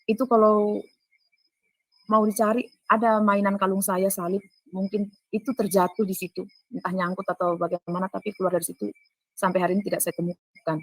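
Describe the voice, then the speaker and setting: A woman's voice: medium pitch, level tone, fairly quick, no echo, rough recording. A woman giving an earnest spoken testimony. She addresses her listeners directly and acts out the dialogue she quotes. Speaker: testifying speaker.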